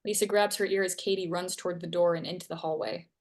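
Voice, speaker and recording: A woman with a somewhat low, darkish voice reads stage directions aloud for a live table read, narrating each action and scene heading in turn. Her tone is steady and her pace quick.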